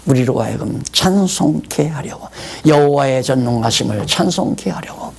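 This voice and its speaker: A man's voice: medium pitch, expressive, normal speed, creaky, darkish tone, husky. An older man preaching a Bible lecture, acting out people's complaints to God in a raised voice. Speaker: pastor.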